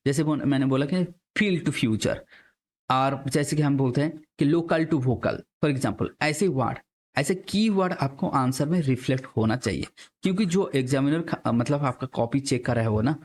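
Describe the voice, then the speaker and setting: A man's voice: medium pitch, lively intonation, moderate pace, darkish tone. A young man teaching an exam-prep class in a chatty lecture style, switching into English terms and throwing rhetorical questions at his students.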